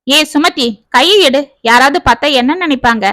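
A woman's voice: sits high, normal speed, bright, forceful tone, dry recording. A woman voicing a defensive jobless young man. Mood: awkward. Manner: pleading, defensive. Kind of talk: storybook reading.

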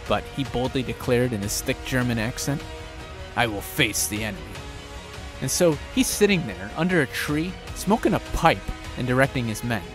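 A man hosting a history channel, narrating a battle in a casual, conversational storytelling way. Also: mid-range voice.

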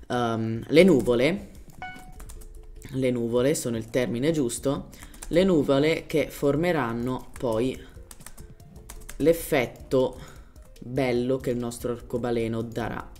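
A man's voice: medium pitch, takes it slowly, pauses often, darkish tone, faint music behind. Man giving casual game tutorial commentary. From Germany. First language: German. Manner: informal, searches for words in Italian, drops in English terms. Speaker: gaming tutorial host.

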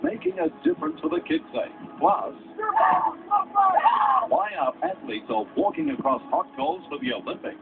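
Casting: male TV promo announcer, fairly high and creaky, dramatic read, phone-thin audio over loud music. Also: huge pitch swings, normal speed. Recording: tinny TV audio re-recorded off screen, loud music.

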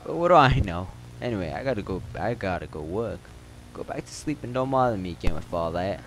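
Speaking fairly quickly in a deep, sing-song voice, a man plays a gossipy male motel worker with a put-on accent, spinning rambling, joking tales. The audio is poor, and loud game noise plays behind him.

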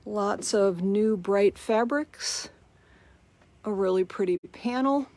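A woman giving a chatty walking tour of a large quilt shop, recorded on a handheld phone. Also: mid-range voice. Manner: slow, chatty, promotional.

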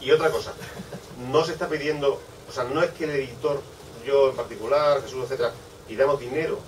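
A man's voice: medium pitch, fairly even intonation, fairly quick. Man, publisher on a panel, digressive, distant mic, light background hiss. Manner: discursive, piles up asides and repeats "es decir". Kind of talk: panel discussion. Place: bookshop event space. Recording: distant mic, faint room noise.

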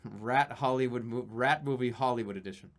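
Here the thirtysomething streamer speaks at a medium pitch and a brisk clip. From his small home room he reads donations, wanders off topic, swears, and sometimes yells with excitement.

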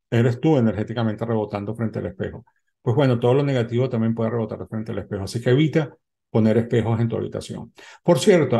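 A man in his fifties speaks straight to the camera as a self-help host, seated indoors at a desk. His voice is dark and gravelly with a mellow edge, and he explains step by step, repeating points and checking in with the listener. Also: medium pitch. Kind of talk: direct-to-camera advice talk. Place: indoor room, seated before a window backdrop.

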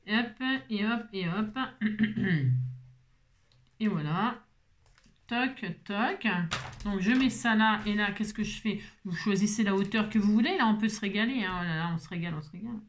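Speaking a little slowly in a mid-range voice, this woman chats her way through a craft tutorial despite a migraine. She rambles to her viewers while working, poking fun at herself along the way.

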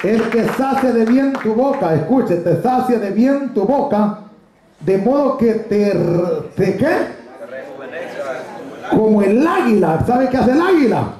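A male pastor preaching an animated sermon, urging the congregation to say amen and swinging his voice up toward near shouts. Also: high-pitched, slow, a faint crowd. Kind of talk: lively Spanish sermon with congregation responses. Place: church hall with congregation. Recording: very echoey church hall with congregation.

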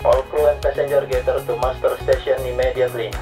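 A man giving an urgent, clipped emergency call to gather at the muster station, heard as a ship loudspeaker announcement. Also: mid-range voice, flat delivery, fast. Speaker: safety video narrator. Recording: distant loudspeaker voice over music. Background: music.

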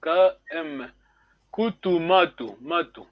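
A man teaching a language class, explaining slowly and hesitantly, repeating words and chuckling often. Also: on the high side, highs cut off.

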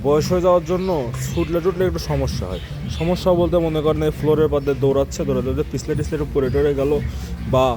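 A man's voice: fairly high pitch, fairly even intonation, rapid-fire. A man running a casual tour of his dairy farm for his channel, chatty with fillers and restarts, filmed in the cowshed. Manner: speaks quietly near a cow being milked.

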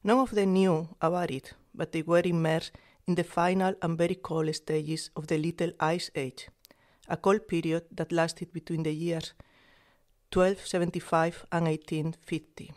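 A woman with a Spanish accent reading her own scientific fairy tale aloud, slowly and deliberately. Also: on the low side, fairly even intonation, a little mellow. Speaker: author reading her story. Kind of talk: storybook reading.

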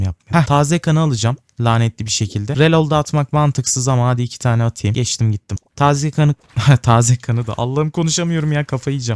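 A man's voice: mid-range voice, no room sound. A young man casually commenting on his own gameplay, chatty and often exasperated, pleading with the game. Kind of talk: casual let's-play commentary.

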